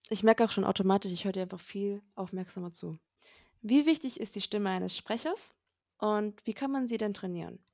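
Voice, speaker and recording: A woman's voice: medium pitch, brisk, gravelly, a little mellow, no echo, studio quality. A woman hosting a podcast, interviewing a guest with attentive follow-up questions. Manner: attentive, short acknowledgements. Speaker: podcast host.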